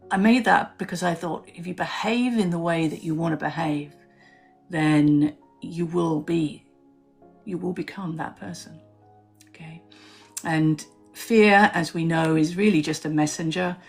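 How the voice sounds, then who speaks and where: A woman's voice: sits low, steady tone, measured pace, creaky, soft background music. A woman hosting a live stream, talking reflectively and telling a personal story with many fillers. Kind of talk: casual live-stream talk.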